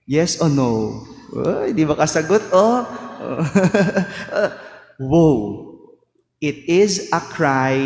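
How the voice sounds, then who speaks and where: Man, Filipino accent, priest, homily, slightly high voice, cathedral echo, echoey church hall. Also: darkish tone. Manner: slow and deliberate, quizzing the congregation. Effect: cathedral echo with long reverb. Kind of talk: homily during Mass. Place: large church.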